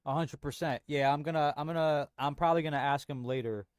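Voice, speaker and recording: A man's voice: fairly high pitch, fairly even intonation, fast talker, smooth, no echo, clean studio sound. A young man streaming from home, chatting casually with viewers in a rambling, slangy way full of restarts. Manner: rambling, frequent restarts and slang, says bro a lot. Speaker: livestream host.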